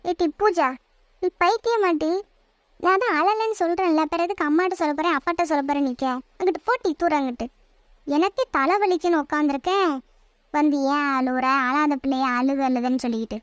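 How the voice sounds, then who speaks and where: A woman's voice: sits high, brisk, dry recording, close to an everyday voice. A woman voicing a snappish older sister. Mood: irritated. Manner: snappish, scolding. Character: irritable, heartbroken college-age older sister. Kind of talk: cartoon voice acting.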